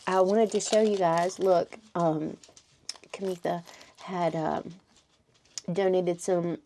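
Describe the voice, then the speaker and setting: A woman with a lowish, gravelly voice talks casually in her home craft studio vlog. She rambles in a chatty, easygoing way and drops the odd swear word. Her voice has a steady vocal fry under it. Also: takes it slowly, a little hiss or hum. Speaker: crochet vlogger.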